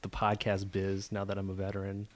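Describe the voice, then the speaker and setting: A young man hosts a casual podcast in a low, soft-spoken voice. He talks in a hesitant, relaxed way with lots of fillers. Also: brisk. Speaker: podcast host.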